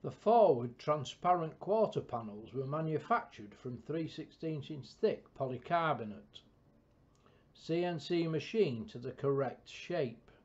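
A man giving a scripted, measured technical narration of an engineering build, with a dull lo-fi recording. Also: a little high, lively intonation, a little mellow. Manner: measured, precise technical delivery. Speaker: project narrator.

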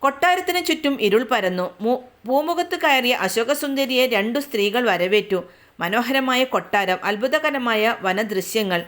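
A woman narrates old myths in scripted, literary sentences. She keeps a measured pace. Her voice sits fairly high. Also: expressive, a bit bright. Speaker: storyteller. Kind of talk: scripted narration of mythic tales.

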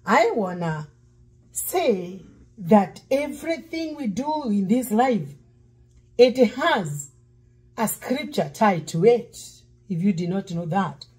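Her mid-range voice slow, expressive, slightly mellow and husky, a middle-aged woman pastor preaches as she cooks at home, singing every so often. The cooking-demo sermon is captured in poor audio by a fixed camera across the counter.

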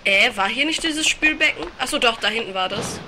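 A chatty, giggly woman talks through a video game in a slightly high voice, reading out on-screen text and swearing playfully. Her home recording carries a clear layer of noise and clicking. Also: expressive, fairly quick. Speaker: let's play commentator. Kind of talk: casual gameplay commentary.

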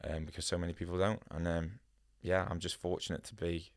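This is casual interview talk from a North Wales man who works as a tattooist, a guest on a studio podcast speaking into a boom mic. His low voice barely moves in pitch and runs a little fast, cheerful and wandering, with frequent "yeah" and "you know."

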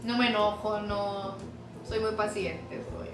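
A young Mexican woman hosting a casual couple's vlog, talking loud, teasing and animated. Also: mid-range voice, slow. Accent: Mexican Spanish. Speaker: vlogger hosting a couple's mukbang. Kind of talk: casual chat. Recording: roomy echo, faint music behind.

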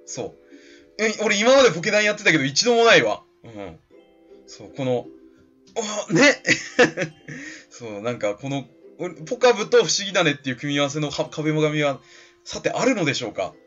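A man chatting away over a video game, his voice lively and rising and falling a lot, with a bright edge. The audio is slightly dull and lo-fi, and faint game music plays behind him. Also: a little high, normal speed. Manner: chatty, laughing, animated. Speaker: let's play commentator. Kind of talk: casual gameplay commentary.

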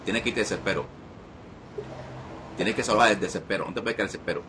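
A man leading a live deliverance prayer, giving commanding, repetitive orders that rise to shouted commands. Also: on the low side, fast, noisy background. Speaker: deliverance minister.

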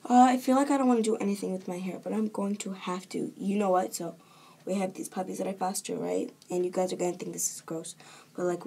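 A woman's voice: medium pitch, vocal fry, a little mellow. A teenage girl chatting casually to camera in a home vlog, rambling with lots of fillers. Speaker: vlogger. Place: home bedroom. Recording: noisy home recording, dogs barking. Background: dogs barking.

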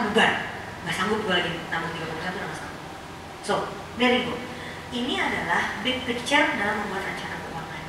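A woman from Indonesia giving a lively, slangy, jokey talk on personal finance to an audience. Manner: chatty, slangy, jokey, mimics relatives in shrill voices. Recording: echoey hall, voice from far off, noisy.

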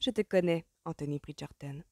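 A determined young woman, sarcastic and commanding, sounding mellow and a little low, as a woman puts her on. Close, dry recording. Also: a little fast, dry recording. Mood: firm.

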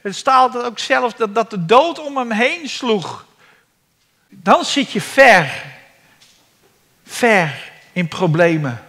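High-voiced man preaching in a reverberant hall. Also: sing-song, slow pace, long pauses, pushed and bright. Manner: dramatic preaching, acting out cries. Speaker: pastor. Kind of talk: sermon. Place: church hall. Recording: long reverb of a church hall.

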